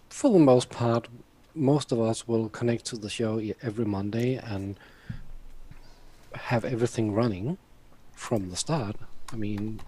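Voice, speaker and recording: A man on a casual panel chat, talking in a hesitant, thoughtful, halting way. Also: fairly low pitch, warm tone. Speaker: show panelist.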